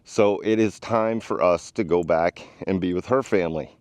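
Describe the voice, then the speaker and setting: Man, middle-aged, from the US, lowish voice, earnest and direct, casual vlog, slightly out of breath. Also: normal speed, darkish tone, no room sound. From United States. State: out of breath, walking with a tripod. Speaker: vlogger.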